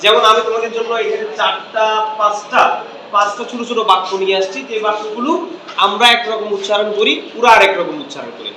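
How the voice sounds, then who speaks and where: A man teaches a lesson in a high, bright voice, posing questions to his students and answering them himself. He is recorded from a distance in an echoey room with a faint hum behind him. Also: lively intonation, fast. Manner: switches between Bengali and English. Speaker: English teacher. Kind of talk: classroom lecture.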